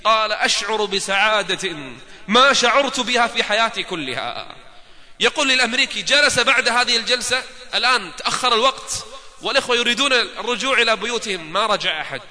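A man's voice: sits high, expressive, quick pace, pushed and bright. A man preaching a sermon, retelling stories with quoted dialogue and rhetorical questions to his listeners. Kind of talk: sermon storytelling. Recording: long hall reverb.

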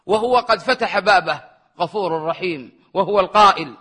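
A man's voice: normal speed, pushed and bright, slightly rough. A man preaching a religious sermon with passion, chanting scripture verses in a melodic voice. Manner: impassioned, rising pitch on questions, chants verses.

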